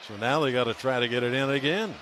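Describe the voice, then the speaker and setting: At a large indoor basketball arena, a radio announcer calls live play-by-play, emphatically announcing scores and plays. His mid-range voice moves at a quick pace over loud arena noise and a bouncing basketball in a noisy broadcast.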